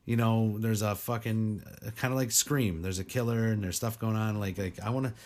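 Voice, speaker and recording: A man's voice: on the low side, steady tone, moderate pace, a little mellow. A man hosting a podcast in casual chat, rambling with lots of "like" and frequent swearing. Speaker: podcast host.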